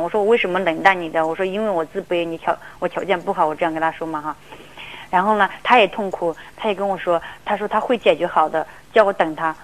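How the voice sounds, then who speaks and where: A woman's voice: lowish voice, rough recording. A woman calling an advice radio show, telling her story in a rambling, emotional way and often repeating herself. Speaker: caller.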